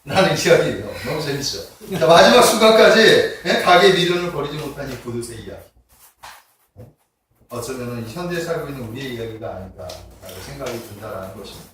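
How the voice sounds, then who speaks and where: A man's voice: mid-range voice, expressive, a little fast, fairly bright tone, a little hiss or hum. A male pastor giving a conversational sermon and often checking in with the congregation. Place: church sanctuary. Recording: echoey church hall recorded from far off.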